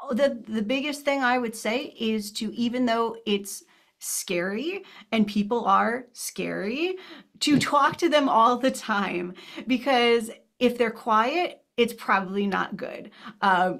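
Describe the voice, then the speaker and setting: A woman's voice: mid-range voice, creaky, fairly bright tone. A woman coach on a webinar panel giving earnest, direct advice over a video call, with a few ums.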